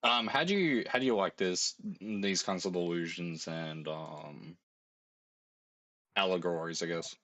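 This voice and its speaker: A man with a very low voice hosts a casual podcast. He recaps in a laid-back way and agrees readily with his co-host. The recording is dry and close. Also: a little slow, a bit bright, dry recording. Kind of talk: casual chat.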